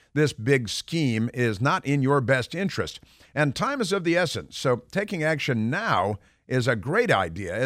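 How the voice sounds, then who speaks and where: Man rattling off a fast legal disclaimer. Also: medium pitch, a bit bright, no room sound, studio quality.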